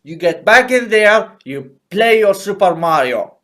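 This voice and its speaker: A man's voice: high-pitched, expressive, measured pace, bright, forceful tone, voice pushed up, exaggerated voice. A man voicing a strict, domineering father who barks orders at his son. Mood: barking. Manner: barking orders.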